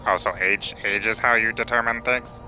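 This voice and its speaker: Man, tabletop game player, casual role-play talk, piercingly bright tone, lowish pitch. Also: fairly even intonation, moderate pace, soft background music, poor audio.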